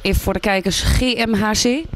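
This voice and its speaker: A woman's voice: medium pitch, fairly even intonation, fairly quick, background noise. A woman interviewer asking brief prompting questions in a casual promo interview. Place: small indoor café. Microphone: handheld microphone.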